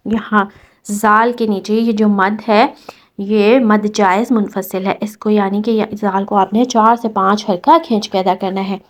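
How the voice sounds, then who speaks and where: A woman teaching Quran recitation rules step by step, patiently explaining and reciting verses slowly. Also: mid-range voice, level tone. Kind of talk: tajweed lesson explaining rules.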